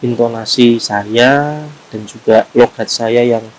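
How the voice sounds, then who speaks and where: A man with a Javanese accent and a mid-range, fairly even voice reads a horror story aloud slowly and unrehearsed, making small slips and restarting lines, on a rough recording. As the horror story reader and channel host, he then chats casually with his listeners.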